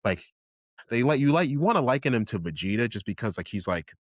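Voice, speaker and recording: A man's voice: mid-range voice, big pitch swings, fast, no echo, clean studio sound. A man co-hosting a casual podcast chat, rambling with lots of fillers and enthusiasm. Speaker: podcast co-host. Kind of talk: casual chat about anime.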